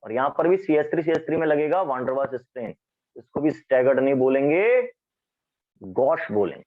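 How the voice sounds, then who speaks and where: A man teaching chemistry in a classroom lecture, lively, often asking students questions. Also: medium pitch, brisk, narrow, tinny audio.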